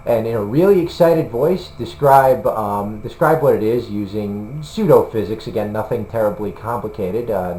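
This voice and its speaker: A man's voice: lowish voice, dark tone. Rambling man talking to camera. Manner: rambling, hesitant, many fillers. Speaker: video blogger for a combat sports site. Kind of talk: casual talk to camera. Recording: roomy room with faint hum.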